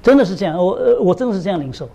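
A man's voice: rapid-fire, vocal fry, dull audio. A middle-aged man preaching a sermon, telling stories and often putting rhetorical questions to the congregation. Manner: animated storytelling, swinging from low asides to high emphatic questions.

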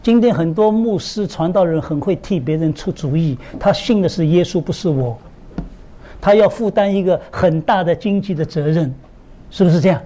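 A middle-aged man preaching a sermon, telling stories and often putting rhetorical questions to the congregation. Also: moderate pace. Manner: animated storytelling, swinging from low asides to high emphatic questions.

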